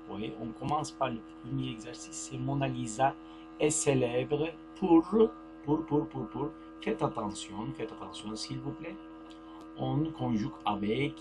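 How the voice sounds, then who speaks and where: With music and a mains hum in the background, a Turkish-native teacher takes young pupils through French grammar. His mid-range voice moves slowly, he repeats words, and he keeps asking "d'accord?" to make sure they follow.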